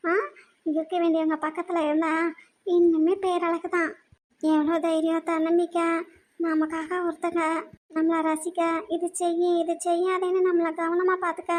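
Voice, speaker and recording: A woman voicing an anxious, tearful young woman student in a cartoon, fretful and quick to argue. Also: very high voice, a little mellow. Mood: tender, soft. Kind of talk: cartoon voice acting.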